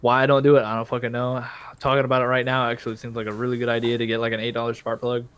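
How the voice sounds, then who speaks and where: A young man with a mid-range voice hosts a podcast in relaxed casual chat. He rambles and pokes fun at himself, dropping swear words along the way. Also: medium pitch, racing, clean tone. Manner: rambling, profane, self-mocking. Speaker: podcast host.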